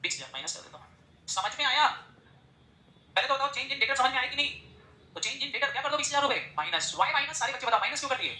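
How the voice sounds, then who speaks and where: A male teacher giving a classroom lecture, firing quick questions at his students and pushing them to answer. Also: very high-pitched, very animated, sharp tone. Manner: drills the class with rapid-fire questions. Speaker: accounting teacher. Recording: echoey room.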